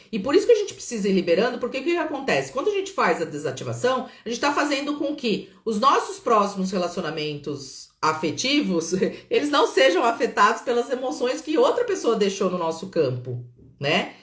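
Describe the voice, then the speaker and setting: A woman with a Brazilian Portuguese accent, a therapist leading a calm guided healing session and checking in often with her listeners. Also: a little high. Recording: roomy echo.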